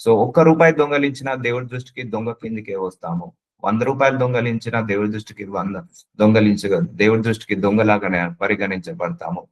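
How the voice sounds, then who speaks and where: A man's voice: on the low side, fairly quick, rough recording. A man preaching a sermon, earnestly addressing the listener with repeated questions and slipping English words into his speech.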